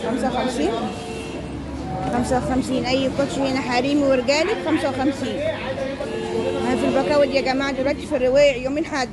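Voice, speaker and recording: An Egyptian woman vlogs casually through a crowded outdoor street market, asking vendors their prices like a haggling shopper and repeating them for her viewers. Her voice sits high with a steady tone, moving quickly but pausing often. The recording is loud with the busy market crowd.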